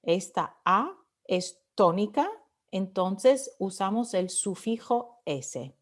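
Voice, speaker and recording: A woman with an expressive, mid-range voice gives a lecture on Spanish grammar. Alternating between English and Spanish, she repeats words at a slow pace to demonstrate their stress.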